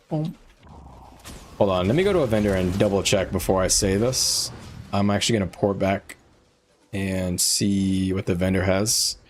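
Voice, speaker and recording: A low-voiced man streams a game and chats casually, thinking aloud as he advises viewers on gameplay. Background music plays, along with slight background noise.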